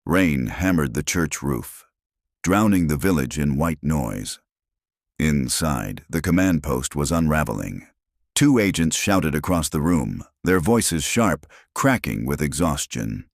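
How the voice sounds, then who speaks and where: A man's voice: very deep voice, big pitch swings, slow pace, dry recording, studio quality. A man giving dramatic, suspenseful scripted horror narration.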